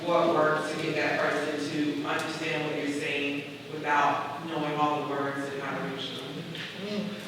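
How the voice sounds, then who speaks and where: A woman's voice: low voice, flat delivery, a little slow. A woman around her thirties or forties sharing personal experience at a community discussion. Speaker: audience participant, a mother. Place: large reverberant room at a public discussion. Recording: very echoey noisy hall, distant mic.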